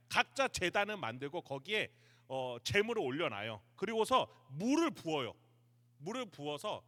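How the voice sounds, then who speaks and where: A man preaching a youth service sermon, animated, acting out the words of biblical figures. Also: high-pitched. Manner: animated, acts out quotes of Elijah and God. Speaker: pastor. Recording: reverberant church hall.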